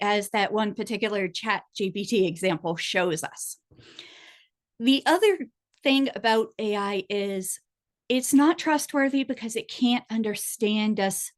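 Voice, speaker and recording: Woman presenting a webinar over slides. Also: fairly high pitch. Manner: conversational, explanatory, asks for next slide.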